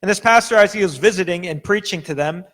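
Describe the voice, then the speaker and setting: Speaking quickly in a high, somewhat bright voice, a young Korean-speaking American man delivers a sermon as a pastor in a church sanctuary. He talks casually, stumbling into fillers and restarting sentences.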